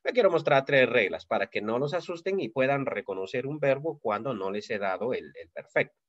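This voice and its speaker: A man teaching a Greek grammar class, explaining slowly with many fillers and checks for understanding. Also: medium pitch, animated, no room sound, lo-fi sound. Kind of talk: recorded class lecture.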